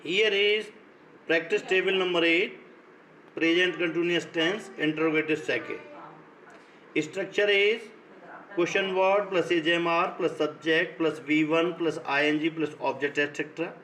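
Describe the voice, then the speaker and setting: A middle-aged Indian-accented male teacher talks a class through a grammar lesson. He speaks very slowly, in deliberate dictation-like phrases, and his voice sits a little high for a man. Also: steady tone, fairly bright tone, slight background noise, rough recording. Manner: slow, deliberate, dictation-like; switches between English and Hindi. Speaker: school teacher.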